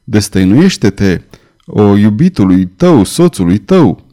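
A man's voice: fairly low pitch, big pitch swings, mellow. A man as a tender young nobleman lover. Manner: tender, reassuring.

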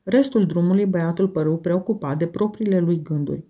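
A woman reading a novel aloud in a steady, measured narration. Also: lowish voice, dull audio. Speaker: audiobook narrator.

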